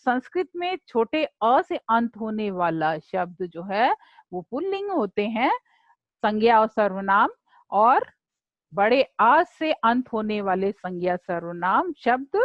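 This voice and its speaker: A woman teacher explaining a lesson slowly and deliberately, repeating words for her students to say along with her. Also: mid-range voice, very animated, no room sound, highs cut off. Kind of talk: slow classroom explanation.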